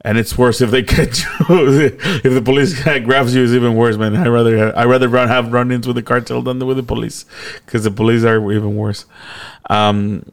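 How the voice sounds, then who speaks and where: A man's voice: medium pitch, fairly even intonation, normal speed. A young man casually telling a long personal story, rambling and laughing often.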